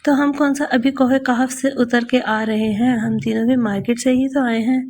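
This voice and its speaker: A woman's voice: fairly high pitch, steady tone, moderate pace, darkish tone, lightly acted. A woman reading the lines of a cheeky, stubborn, nosy young woman in a storybook. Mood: cheeky nagging. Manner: playful, nagging.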